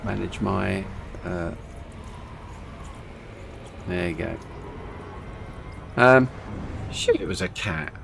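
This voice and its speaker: A man's voice: deep voice, extremely slow, pauses often. A man with a speech impediment on R and S, saying w for r, chatting casually and rambling as he streams a game. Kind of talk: casual rambling gameplay chat. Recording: clear background noise, vehicle-like game ambience.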